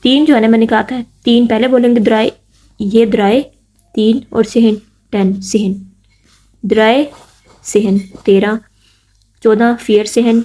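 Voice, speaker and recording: A woman's voice: fairly high pitch, fairly even intonation, pauses often, dark tone. A woman giving a casual spoken lesson, spelling words out letter by letter and asking listeners to repeat after her. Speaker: language teacher.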